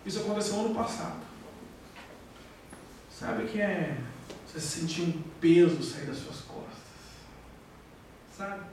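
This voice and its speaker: A man's voice: high-pitched, a little slow, long pauses, darkish tone. A man with a Brazilian Portuguese accent, a pastor giving an emotional testimony sermon and acting out the dialogue as he tells it. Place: church hall. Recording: very echoey hall, far from mic, faint hiss.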